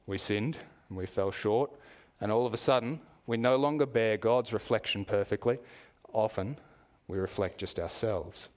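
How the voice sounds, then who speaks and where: A man with an Australian accent preaching a sermon in a church, measured and explanatory, asking the congregation questions. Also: fairly low pitch, a little mellow.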